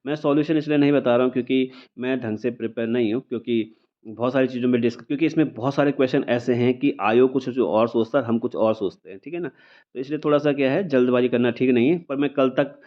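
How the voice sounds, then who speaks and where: A man's voice: medium pitch, fairly even intonation, fast. Casting: male coaching teacher, casual exam review, muffled sound. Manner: conversational, repeats "ठीक है ना" as a filler. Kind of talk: informal exam paper review. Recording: dull lo-fi recording.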